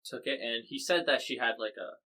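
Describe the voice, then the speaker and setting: A man's voice: mid-range voice, fairly quick, sharp tone, rough recording. An American man hosting a podcast, covering the news in casual, wry chat full of fillers and restarts. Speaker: podcast host.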